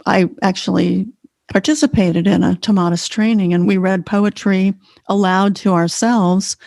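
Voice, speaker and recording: A woman's voice: medium pitch, darkish tone, dry recording, studio quality. A woman co-hosting a podcast as a Feldenkrais teacher, explaining in an earnest, conversational way. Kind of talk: casual conversation.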